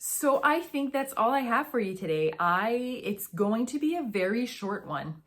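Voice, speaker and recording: A woman's voice: a little high, very animated, moderate pace. A young woman hosting a casual knitting podcast, chatty and gushing, tired after a morning run. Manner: chatty and gushing, with fillers and restarts. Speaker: podcast host.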